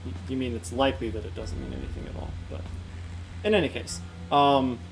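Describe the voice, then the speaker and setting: A man's voice: medium pitch, sing-song, brisk, vocal fry, over music, rough recording. A man playing a game and chatting casually, with wry, musing asides. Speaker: game player. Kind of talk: casual let's-play chat.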